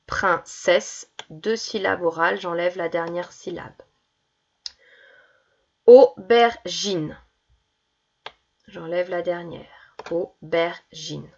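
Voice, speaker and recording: A woman's voice: medium pitch, muffled recording. A woman teacher explains worksheet exercises to young children, carefully stretching out each word for dictation. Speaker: schoolteacher.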